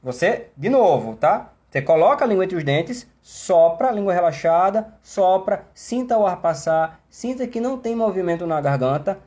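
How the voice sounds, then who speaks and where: A Brazilian man teaches English pronunciation in a live online class. His voice swoops widely in pitch, rich and dark in tone, with self-mocking asides and deliberately slow, exaggerated demonstrations. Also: animated. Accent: Brazilian Portuguese.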